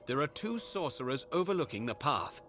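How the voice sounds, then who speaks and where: An actor playing a steady male military commander in a video game, giving measured orders. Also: on the high side. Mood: resolute. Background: game music.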